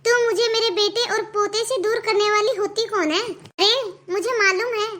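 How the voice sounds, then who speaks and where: Woman as old grandmother, cartoon, very high thin voice, put-upon. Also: fairly even intonation, moderate pace, a bit bright. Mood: defiant. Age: older. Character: old grandmother, pleading, pushed around. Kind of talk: cartoon voice acting.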